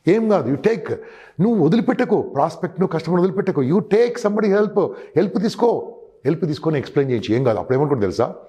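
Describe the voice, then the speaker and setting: Husky, mellow-voiced man coaching sales. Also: a little high, big pitch swings, quick pace. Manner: emphatic, addresses listener as boss, acts out customer dialogue. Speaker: sales trainer guest. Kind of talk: advice interview.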